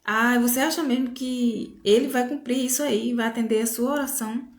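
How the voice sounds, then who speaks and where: Brief: a woman playing a taunting devil, sly mocking questions, slightly raised pitch, roomy echo. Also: fairly even intonation, normal speed, close to an everyday voice. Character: whispering, doubt-sowing male devil, sly and taunting.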